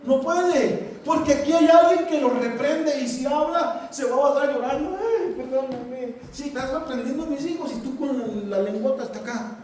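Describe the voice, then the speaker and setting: A man preaches with a very high voice, talking to his congregation in a folksy, joking, direct way. His voice comes from a distance and rings through a very echoey church hall. A faint hiss of noise sits under the sermon. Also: normal speed, darkish tone. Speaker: pastor.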